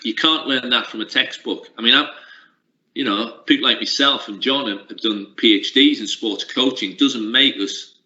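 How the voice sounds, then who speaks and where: A middle-aged sports coaching lecturer gives reflective interview answers, frequently restarting and using fillers. His voice is mid-range, bright and forceful, at a moderate pace. The recording sounds lo-fi and roomy.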